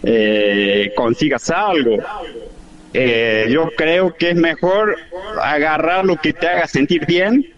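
A man in his late thirties, an Argentine chef with a Córdoba accent mixed with Mexican, telling his story in a relaxed interview. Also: a little high, slow pace, dull audio. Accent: Córdoba Argentine Spanish, mixed with Mexican. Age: late 30s. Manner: relaxed storytelling, frequent restarts. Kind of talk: casual interview chat.

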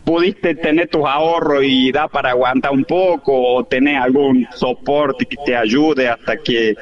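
A man in his late thirties, an Argentine chef with a Córdoba accent mixed with Mexican, telling his story in a relaxed interview. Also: medium pitch, measured pace, dull audio. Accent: Córdoba Argentine Spanish, mixed with Mexican. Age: late 30s. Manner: relaxed storytelling, frequent restarts. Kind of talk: casual interview chat.

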